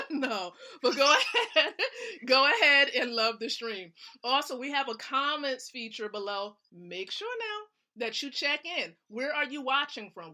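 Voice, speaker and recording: A woman hosting a nightly live stream from home, energetic and encouraging, laughing often as she talks to viewers. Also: a little high. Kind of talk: upbeat live-stream talk.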